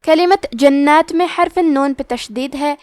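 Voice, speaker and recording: High-voiced woman teaching Quran recitation. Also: a little mellow, dry recording. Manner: explains rules step by step, then recites words slowly. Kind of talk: tajweed lesson with slow recitation.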